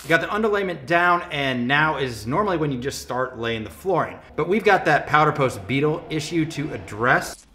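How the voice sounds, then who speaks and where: This thirty-something renovation vlogger has a highish, bright, forceful voice with lively intonation and a moderate pace. He explains building repairs in a casual, matter-of-fact way from a large empty brick building. His camera mic, held at arm's length, adds slight hiss or hum.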